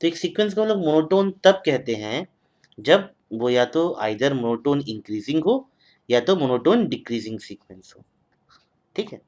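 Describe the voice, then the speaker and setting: Man, maths lecturer, dictating notes, very slow delivery, mid-pitched. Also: big pitch swings, a little mellow. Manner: mixes Hindi and English, dictates slowly, repeating each phrase. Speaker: mathematics lecturer.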